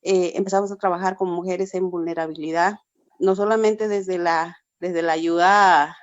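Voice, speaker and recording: Speaking at a normal pace, this woman's voice sits on the low side and holds a steady tone. She is a pastor from Peru offering an earnest testimony in a video-call forum, repetitive and frequently saying "verdad." The audio is dull and has no echo.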